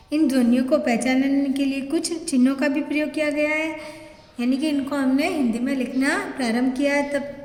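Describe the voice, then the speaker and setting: Female teacher, high voice, patient step-by-step explainer who asks her own questions and answers them; long reverb. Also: a little mellow. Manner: explains step by step, repeats terms, checks with "thik hai". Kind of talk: classroom grammar lesson. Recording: echoey room with long reverb.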